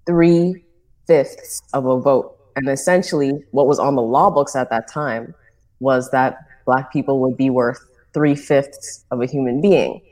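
A woman's voice: very deep voice, measured pace, a little mellow. A Bahamian woman in her late twenties, a guest on a podcast, talking in a friendly, thoughtful way with easy laughter. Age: 20s. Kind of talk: casual podcast interview.

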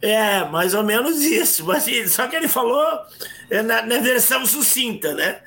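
A man, co-hosting a casual chat and telling stories with lively acted quotes and frequent restarts. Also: very high-pitched, normal speed. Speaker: podcast co-host.

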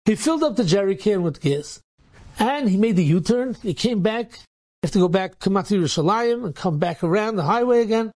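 Animated male storyteller, lively pitch. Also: a little fast. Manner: animated, acts out dialogue in quotes. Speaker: rabbi and storyteller. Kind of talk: inspirational storytelling.

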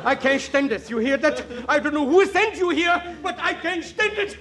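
Exasperated, very high-pitched director. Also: male voice, animated, normal speed, bright, forceful tone, exaggerated voice. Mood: despairing. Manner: pleading, repetitive, exasperated. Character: exasperated stage director losing patience with an actress. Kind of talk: old-time comedy acting.

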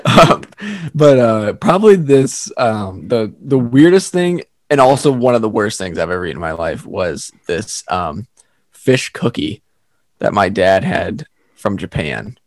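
A man's voice: fairly low pitch, measured pace, no echo, studio quality. A young man co-hosting a podcast, chatting casually and laughing often as he tells stories. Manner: laughs often, animated storytelling. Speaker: podcast co-host. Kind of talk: casual chat.

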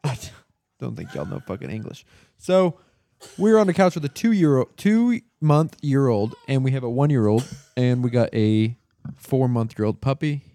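A man's voice: medium pitch, animated, moderate pace, vocal fry, dark tone. A young man hosting a casual podcast from a couch at home, rambling and joking crudely. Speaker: podcast host. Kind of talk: casual chat. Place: living room couch.

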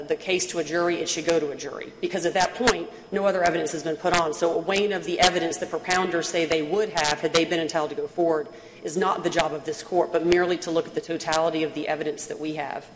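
A woman with a low voice argues as a lawyer in a formal, measured and deferential way. The room is very reverberant, with faint noise. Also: fairly even intonation. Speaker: appellate lawyer. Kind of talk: formal oral argument. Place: courtroom. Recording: very echoey hall, faint noise.

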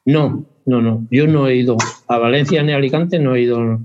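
A man with a medium-pitched voice and moderate pace chats in a casual interview about being a basketball parent, rambling, hesitating, and correcting himself often. The lo-fi recording is dull, with a little hiss or hum.

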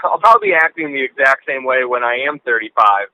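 A man in his late twenties, talking through his cell phone on speakerphone as a podcast co-host in casual, rambling chat with halting restarts and casual swearing. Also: mid-range voice, sharp tone, slight background noise, low-quality recording. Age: late 20s. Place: in a car.

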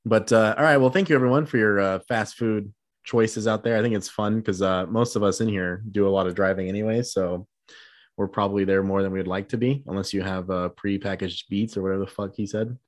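A man's voice: lowish voice, fairly even intonation, brisk, dry recording. A man in his twenties hosting a casual chat with friends, loose and profane, rambling with fillers. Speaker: podcast host.

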